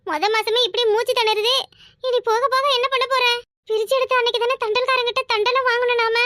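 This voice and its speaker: A shrill, bright cartoon wife, voiced by a woman, fretting in a rapid, wailing monologue about money she owes. The voice sits very high and races along, and it sounds dry and close. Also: steady tone, dry recording. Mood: panicky. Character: debt-ridden young wife, panicky and scheming. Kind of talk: cartoon voice acting.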